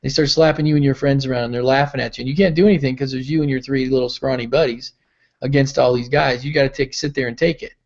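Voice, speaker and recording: A man's voice: medium pitch, fairly even intonation, quick pace. Storytelling man on dull call audio. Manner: storytelling, acting out quoted voices. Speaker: mentor and pastor. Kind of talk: motivational talk on a call.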